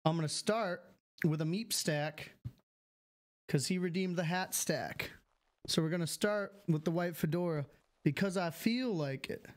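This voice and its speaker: At home on a live game stream, a man with a fairly high voice reads chat messages aloud and answers them in an easygoing way at a measured pace. He's heard up close on a studio mic with filters.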